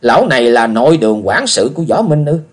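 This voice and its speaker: Man voicing proud young hero, husky, polite short replies, close to natural voice. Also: mid-range voice, very animated, fast. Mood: restrained. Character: stubborn young man, wounded but proud.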